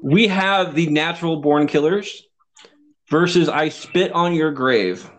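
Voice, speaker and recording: A man's voice: a little high, a little slow, a bit bright, low-quality recording. A man from Texas hosting a casual podcast chat, stumbling over words and swearing freely. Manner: stammering, profane, restarts often. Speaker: podcast host. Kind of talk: casual banter.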